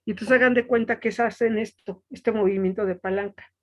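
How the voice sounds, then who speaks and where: A woman's voice: on the high side, steady tone, brisk, dull audio. A woman teaching an online class, explaining step by step and often asking "¿sí?" to check on her students. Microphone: webcam.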